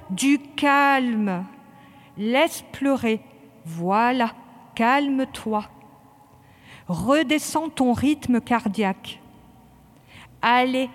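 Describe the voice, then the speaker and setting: A woman's voice: high-pitched, long reverb tail. A woman voicing a stern male police training lieutenant who drills recruits in barked, clipped commands.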